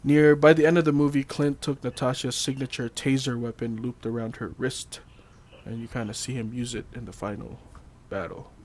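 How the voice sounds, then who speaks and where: A man's voice: mid-range voice, steady tone, moderate pace, a little mellow. A man hosting a casual chat, reading trivia notes loosely with fillers, laughs and the odd swear. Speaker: podcast host.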